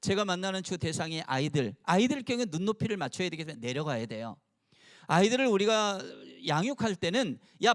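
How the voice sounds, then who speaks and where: A pastor in his sixties preaching to mothers in a church, playful and having the audience repeat phrases after him. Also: high voice. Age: 60s. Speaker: pastor and longtime teacher. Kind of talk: sermon to a mothers' gathering. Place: church, before a live audience.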